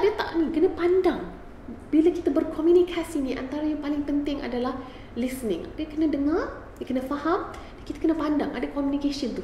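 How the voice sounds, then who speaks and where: A woman's voice: a little high, a little mellow, echoey room, slight background noise. Emphatic woman giving parenting advice. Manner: emphatic, mixes Malay and English, repeats key points. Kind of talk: live Q&A advice talk.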